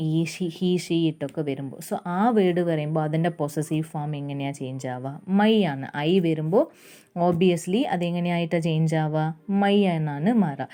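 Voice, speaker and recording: A woman with a Malayali English accent teaches a grammar lesson in a slow, deliberate way. Her voice sits low and sounds mellow, and she keeps checking in with the class as she explains, switching between Malayalam and English.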